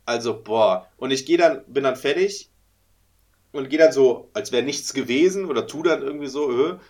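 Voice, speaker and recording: A man's voice: medium pitch, moderate pace. A man from Germany telling a story in a casual podcast chat, acting out the voices in it. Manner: animated, acts out voices in his stories.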